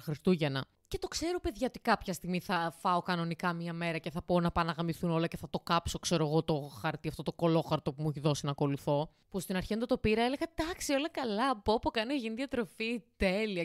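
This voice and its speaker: A woman's voice: lowish voice, clean tone, no echo, studio quality. A woman in her twenties hosting a casual podcast from her home kitchen. She cooks while she talks, rambling, swearing casually and talking straight to her listeners. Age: 20s. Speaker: podcast host.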